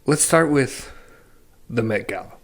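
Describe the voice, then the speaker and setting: A man's voice: mid-range voice, expressive, unhurried, vocal fry. A young man co-hosting a podcast, ranting bluntly and swearing a lot in casual chat. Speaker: podcast co-host.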